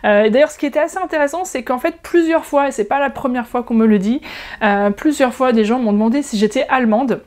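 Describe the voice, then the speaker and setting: A woman from France in her thirties, talking casually to camera in a vlog with frequent pauses and restarts. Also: high voice, a little mellow. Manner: chatty, many hesitations and restarts. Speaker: language-learning YouTuber.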